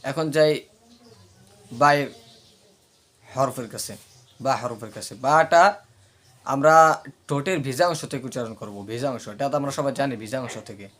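A man's voice: mid-range voice, normal speed, pauses often. A man with a Bangladeshi Bengali accent teaching Arabic letter pronunciation, repeating syllables in drills and checking whether listeners follow. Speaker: Quran recitation teacher.

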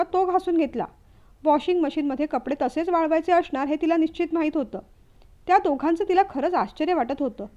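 A woman narrating a family story in a steady storytelling read. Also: high-pitched, lo-fi sound.

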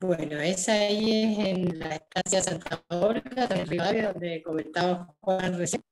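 A woman's voice: on the low side, moderate pace, darkish tone. A woman on a group call talks about her photos with her phone held away from her, so she sounds echoey and distant. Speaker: club member sharing photos on a call. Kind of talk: casual chat.

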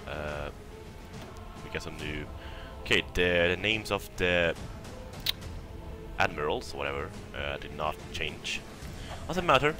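Speaking slowly and expressively in a bass voice over music, a young Italian man rambles through casual let's-play commentary on a strategy game. He laughs often and talks to the enemy, and his faint Italian accent has been softened by years living in Sweden.

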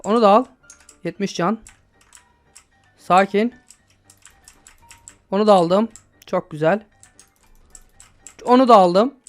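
An excitable young man commentating his own gameplay, with a voice a little higher than most men's. He talks casually, swears and shouts at the game when things go wrong. Faint music plays under his voice. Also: takes it slowly, pauses often. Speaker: gaming YouTuber.

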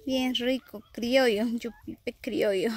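A woman's voice: on the high side, steady tone, slow, darkish tone. A woman with a Guatemalan Spanish accent chatting casually as she vlogs and asks questions outdoors on a handheld phone. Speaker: vlogger. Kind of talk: casual vlog chat and informal interviewing. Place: outdoors in a rural hillside yard. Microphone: handheld phone behind the camera. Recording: noisy outdoor phone recording.

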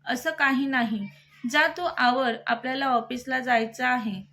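A woman reading the lines of a young husband, quick-tempered but tender, who talks in an earnest, lightly teasing way. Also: high voice, fairly even intonation, pushed and bright, heavily acted.

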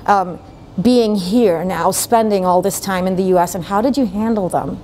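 A woman's voice: mid-range voice, normal speed, warm tone, slight background noise. A woman hosting an interview in a studio, upbeat and welcoming as she introduces and questions her guest. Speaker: host. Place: dim studio with armchairs.

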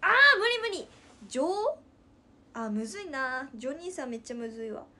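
A woman's voice: high-pitched, lively intonation, fast talker, a little hiss or hum. A woman in her twenties from Nagasaki with a Nagasaki accent, chatting playfully and giggling with viewers on a livestream from her room at home. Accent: Nagasaki dialect. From Nagasaki, Japan. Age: 20s. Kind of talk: casual chat with viewers.

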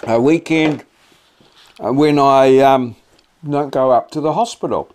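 Middle-aged male vlog host, New Zealand accent, unhurried and halting, laconic bloke chatting casually. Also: medium pitch, a little mellow. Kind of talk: casual chat to camera while eating. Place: small cluttered home office, indoors.

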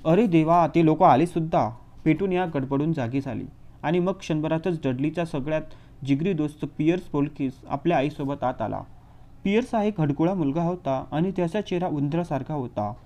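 A man narrating an audiobook in a lively, expressive reading style. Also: fairly high pitch, a little fast. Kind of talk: storybook narration.

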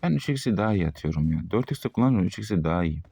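A man in his twenties from Turkey commentating live while playing a shooter game, excitable and quick to burst out loud at enemies. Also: low voice, gravelly, breathy edge. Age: 20s. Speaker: gaming streamer. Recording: game gunfire behind the voice.

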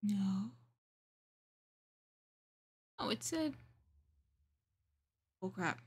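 A woman's voice: mid-range voice, lively intonation, extremely slow, breathy edge. A woman streaming a game, chatting casually and grumbling through joking asides. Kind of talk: casual gameplay chat.

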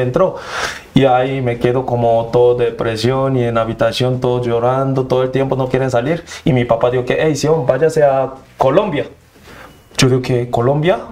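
A young man from South Korea with a noticeably high voice speaks Spanish with a Korean accent. His Spanish is simple and broken, as a learner's is. As an interview guest he tells stories vividly, acting out each scene and quoting himself in a sharply raised voice. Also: darkish tone. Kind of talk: animated storytelling in an interview.

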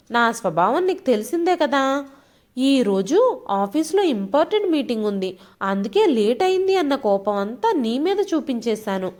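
A woman's voice: high-pitched, darkish tone. A woman voicing a short-tempered, irritable young husband in a storybook reading, scolding and then consoling his wife.

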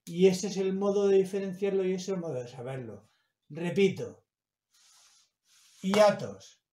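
A man teaching a grammar lesson, explaining slowly and stretching out the example words. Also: high-pitched, mellow. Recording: echoey room.

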